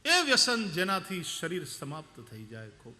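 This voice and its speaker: A man's voice: high voice, unhurried. A man giving a devotional sermon, telling anecdotes, acting out quoted voices and singing verses. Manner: animated, acts out quoted voices, sings verses. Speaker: religious storyteller.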